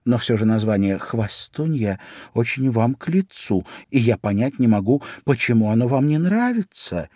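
A man's voice: sing-song, normal speed, dark tone, no echo, clean studio sound. A man reading a storybook and voicing Alice, a polite and eager little girl who talks earnestly and pleads. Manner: earnest, pleading, high-pitched.

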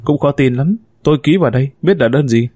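A man voicing a shrewd, suspicious village wife who talks in a sharp, mocking way, in a spoken story. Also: medium pitch, quick pace, no echo, natural voice.

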